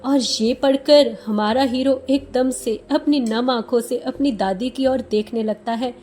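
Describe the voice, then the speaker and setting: A woman narrating a manhwa recap in an expressive, dramatic storytelling manner. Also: on the high side, measured pace, slight background noise.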